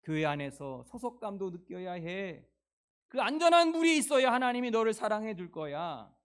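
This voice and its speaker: Preacher putting on a bossy legalist guy, lecturing rule after rule, high-ish voice. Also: sing-song, moderate pace, smooth. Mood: demanding. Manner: lecturing, insistent list of demands. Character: strict, demanding religious legalist man.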